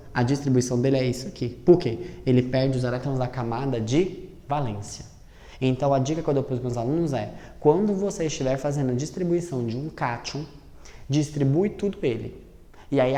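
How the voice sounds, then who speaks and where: Lively male chemistry teacher, echoey room. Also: medium pitch. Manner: lively, asks and answers his own questions, spells out sums slowly. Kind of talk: classroom lesson at a board. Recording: roomy echo with long reverb.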